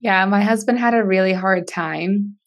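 A woman whose first language is Russian talks casually and earnestly about church as a podcast guest, explaining things with soft laughs. Her mid-range voice moves at a normal speed, and the recording is muffled.

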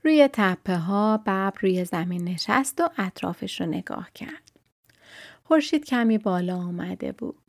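A woman's voice: medium pitch, lively intonation, creaky, no room sound. Woman reading a children's story.

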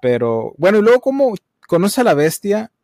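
A man's voice: high-pitched, very animated, normal speed, a little mellow, no echo, studio quality. A man hosting a podcast interview, asking questions conversationally with some repeated words. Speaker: podcast host. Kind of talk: casual interview.

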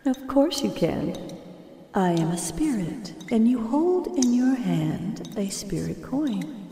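A woman voicing a calm, formal spirit bound to a coin, speaking in a measured way. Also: a little high, slight background noise, full character voice. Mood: solemn. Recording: echoey with long reverb.

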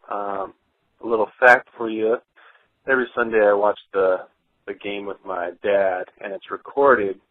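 A man leaving a casual call-in message over the phone, laid-back and halting with frequent ums. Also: lowish voice, dry recording. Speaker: caller. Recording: tinny, dry phone line.

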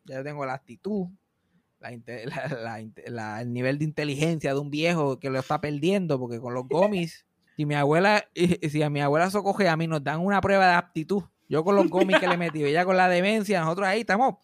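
Laughing a lot and cursing casually, a Puerto Rican-accented man spins lively, funny family stories in relaxed conversation. He speaks fairly quickly in a slightly high voice.

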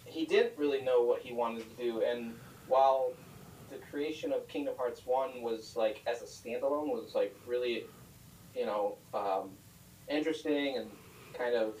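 A man's voice: mid-range voice, darkish tone. A man on a podcast, talking hesitantly and searching for his words. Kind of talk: casual chat. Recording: distant roomy mic with faint hiss.

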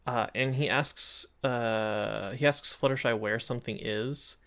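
A man co-hosting a podcast, telling a cartoon plot in a relaxed, halting casual chat. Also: medium pitch. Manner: laid-back, hesitant, many fillers and restarts. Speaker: podcast co-host.

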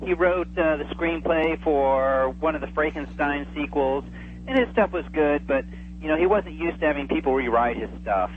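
A man with a slightly high voice, speaking at normal speed, phones in to a radio show as a guest and chats with casual enthusiasm. The line is tinny with a noticeable hum.

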